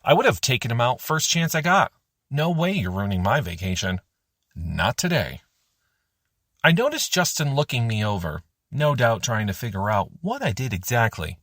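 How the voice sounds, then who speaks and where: Casting: male audiobook narrator, husky voice, very lively pitch, expressive first-person reading. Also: moderate pace, no echo, studio quality.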